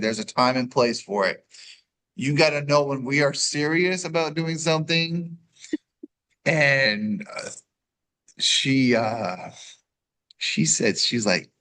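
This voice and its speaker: A man's voice: medium pitch, pushed and bright. Middle-aged guy chatting, jokey storyteller, plain mid voice. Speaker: guest. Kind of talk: casual chat.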